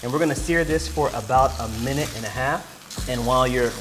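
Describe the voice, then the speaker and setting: A man's voice: mid-range voice, fairly quick, noisy background. A man in his thirties hosting a cooking show, giving upbeat step-by-step directions to a guest in a home studio kitchen. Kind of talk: instructing a guest while cooking.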